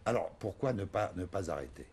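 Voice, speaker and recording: Husky male talk show host. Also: low-pitched, brisk. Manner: lively, probing questions.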